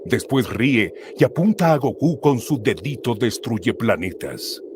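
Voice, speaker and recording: A man's voice: mid-range voice, animated, measured pace, background noise. A man narrating a cartoon episode like a storyteller, adding comic asides. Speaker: storyteller, streamer.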